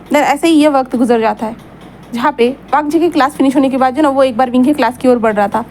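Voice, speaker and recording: Chatty high-voiced woman storyteller. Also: quick pace, a little mellow, slight background noise. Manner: chatty, with repeats and asides to listeners. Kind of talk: narrating a fan story aloud.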